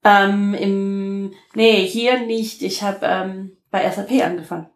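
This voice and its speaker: American woman with a gravelly voice. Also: mid-range voice, fairly even intonation, echoey room, rough recording. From United States (Detroit). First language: English. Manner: halting, many fillers, laughs often. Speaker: interview guest. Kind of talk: casual interview talk.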